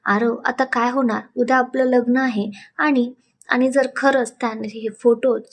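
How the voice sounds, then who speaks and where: A woman's voice: on the high side, fairly even intonation, unhurried. A woman voicing a frightened, tearful young bride-to-be who speaks shakily and evasively, in a storybook reading. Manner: shaky, evasive.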